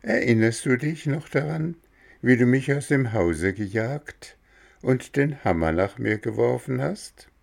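Man doing a higher-voiced lecturing cricket. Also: animated, unhurried, gravelly. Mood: reproachful. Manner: reproachful, lecturing. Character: wise, stern little talking cricket. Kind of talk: storybook narration.

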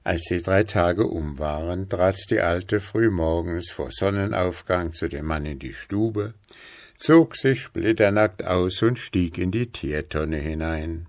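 A man narrates an old folk tale in a slow, measured storybook style. His voice is lowish and gravelly. The sound is close and dry. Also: dry recording. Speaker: reader of a fairy tale.

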